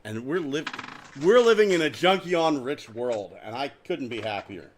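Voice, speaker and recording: Lively, excitable male podcast host. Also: mid-range voice, normal speed, a little hiss or hum. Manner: excitable, animated, swearing and laughing. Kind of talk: casual chat about toys.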